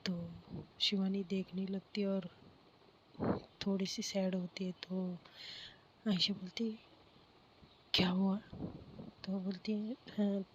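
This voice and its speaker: A woman's voice: mid-range voice, level tone, slow, long pauses, darkish tone, a little hiss or hum. A woman casually telling a romance story in a chatty, loose way with fillers, recorded at home. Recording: slightly muffled, faint child crying.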